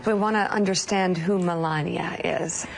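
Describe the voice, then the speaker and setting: A woman's voice: fairly low pitch, steady tone, normal speed, creaky, slight background noise. A woman interviewing a guest on television, asking direct, probing questions.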